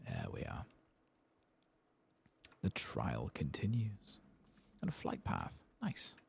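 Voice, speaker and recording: Slowly and with huge swings in pitch, a bass-voiced male game streamer narrates his play as ASMR. His breathy murmur stays near the microphone and frequently slips into a whisper.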